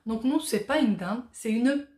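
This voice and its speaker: A woman's voice: fairly high pitch, expressive, measured pace, darkish tone, roomy sound. A Moroccan-born woman in her thirties, chatting casually as she reads out viewer questions and answers them with plenty of fillers. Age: 30s. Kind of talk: casual Q&A vlog.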